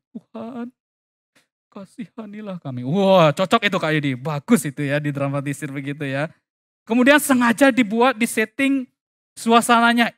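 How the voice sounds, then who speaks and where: A man preaching a sermon to his congregation, moving between loud emphatic stresses and quiet low asides. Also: no room sound, clean studio sound. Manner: keeps addressing the congregation with tag phrases. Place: church.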